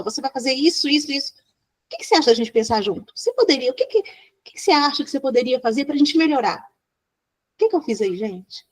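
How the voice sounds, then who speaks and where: Lively, expressive woman storyteller. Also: fairly high pitch. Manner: lively, expressive, laughs often, acts out quoted voices. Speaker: child psychologist guest. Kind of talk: animated storytelling in a podcast interview.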